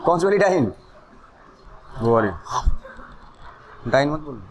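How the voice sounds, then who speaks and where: A man teaching chemistry in a classroom, switching between Hindi and English as he explains. His voice sits high and swings widely in pitch, and he keeps pausing to quiz his students. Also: big pitch swings. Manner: mixes Hindi and English, quizzes students with questions. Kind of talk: classroom lecture.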